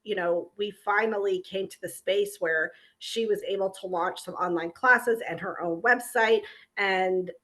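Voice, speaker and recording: A woman in her forties talking as a podcast guest. She is warm and halting, with restarts, and laughs easily. Her pitch is middling. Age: 40s. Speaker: guest, life coach. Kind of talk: interview chat.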